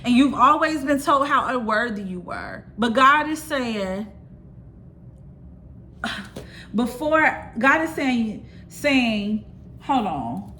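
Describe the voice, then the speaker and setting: A woman's voice: fairly high pitch, lively intonation, slow, pauses often, pushed and bright, slight background noise. A woman preaching an informal sermon straight to her listeners. She speaks emphatically, repeats her key lines and drops in casual asides.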